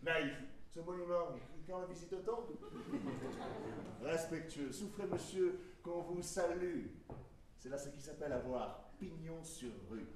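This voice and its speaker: Stage swordsman-poet male actor: high-pitched, hammy, witty, mocking verse declamation; distant, heavily echoing hall. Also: lively intonation, normal speed, natural voice. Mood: playful, mocking. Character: Cyrano, proud witty mocking swordsman poet with a big nose. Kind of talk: verse stage play performance. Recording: echoey hall from far off, noisy.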